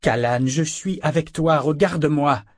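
A man's voice: on the low side, moderate pace, warm tone, breathy edge, dry recording, studio quality. A man playing an earnest young man who speaks urgently and pleads in a raised voice. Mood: panicked.

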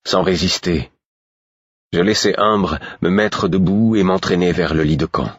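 A man reading an audiobook, giving slow, expressive first-person narration. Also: deep voice, breathy edge, no room sound, lo-fi sound. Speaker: audiobook reader.

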